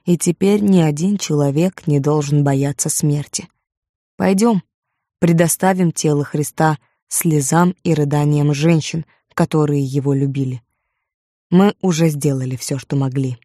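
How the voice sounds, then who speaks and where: A woman voicing a mysterious man with a soft, sad voice, speaking slowly and calmly in an audiobook. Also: low-pitched, no room sound, clean studio sound. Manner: slow, calm, detached. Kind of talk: audiobook character voice.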